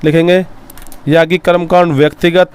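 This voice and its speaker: This male history teacher dictates slowly, repeating each phrase for students to copy and speaking to them warmly as children. His pitch is on the high side, his delivery flat, and the sound smooth.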